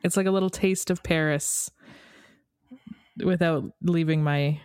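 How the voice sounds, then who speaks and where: A woman from Canada co-hosting a podcast in casual chat, enthusiastic and quick to laugh. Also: low-pitched, fairly even intonation, smooth, dry recording, clean studio sound. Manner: warm, enthusiastic, laughs easily. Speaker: podcast co-host.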